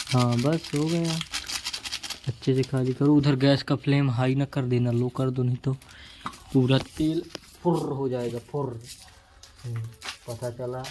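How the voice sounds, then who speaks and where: A man's voice: medium pitch, noisy background. A man vlogging at home while his sisters cook, chatty and teasing as he gives orders. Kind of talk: casual vlog narration.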